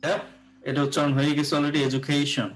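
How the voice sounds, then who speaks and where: A man's voice: a little high, little pitch movement, brisk, rough recording. A man with a Bangladeshi accent teaching English pronunciation in a live class, explaining patiently and often checking that students follow.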